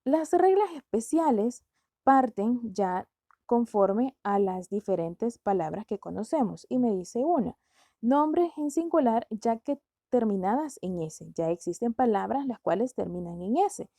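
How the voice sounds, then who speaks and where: Mellow-voiced woman teaching grammar. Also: fairly high pitch, lively intonation, measured pace, dry recording, clean studio sound. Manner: explains step by step, asks rhetorical questions. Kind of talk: grammar lesson.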